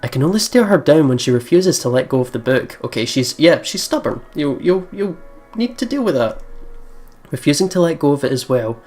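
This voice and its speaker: Game music accompanies a let's player reading a visual novel and reacting with playful chatter and lots of repeated words. He speaks fairly quickly in a highish, slightly mellow voice full of big pitch swings.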